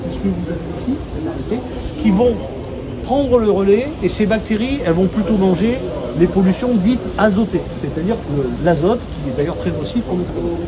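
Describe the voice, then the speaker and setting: At the treatment plant itself, an executive with a high-sitting voice and lively intonation talks a little fast to visitors. His colloquial, informal talk simplifies the technical details of the water treatment plant. Heavy ambient noise and a dull sound mark the recording.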